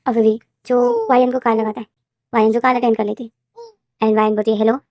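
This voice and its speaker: Woman with a high, dry storytelling voice. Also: little pitch movement, brisk, darkish tone, no room sound. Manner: repetitive, rambling narration. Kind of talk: casual fan-fiction story retelling.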